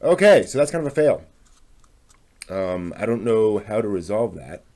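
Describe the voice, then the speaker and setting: Muttering tentatively to himself, a man hosting a craft vlog chats casually through a hands-on demo. His warm, lowish voice swings widely in pitch at a normal speed. The audio is clear but carries background noise and clicking.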